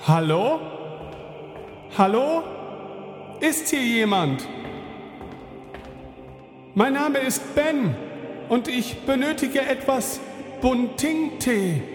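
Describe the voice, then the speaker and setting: A naive, earnest space adventurer played by a man in a radio play, with a high voice. The delivery is slow and halting. Long reverb surrounds it. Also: animated, exaggerated voice. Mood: curious, confident. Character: hesitant, naive male space traveller, droid's master. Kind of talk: audio drama acting. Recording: echoey long reverb, under music.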